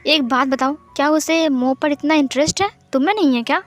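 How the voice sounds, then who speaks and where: Woman voicing a pushy nosy young guy, loud and high. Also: a little fast, natural voice. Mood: demanding. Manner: loud, pressing questions. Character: demanding, suspicious young man friend.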